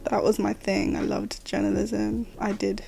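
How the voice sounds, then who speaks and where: Speaking a little slowly with a flat delivery, this woman has a medium-pitched, gravelly, dark voice, with soft music playing behind her. She's in her late twenties, hosting her own podcast and rambling casually with fillers and laughter.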